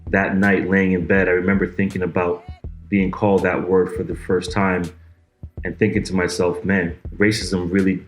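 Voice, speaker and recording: A man in his thirties from Montreal, a basketball coach, telling a personal story in a steady, even way. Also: sits low, moderate pace. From Montreal, Quebec. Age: 30s. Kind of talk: personal testimony to camera. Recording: echoey room, soft guitar music behind.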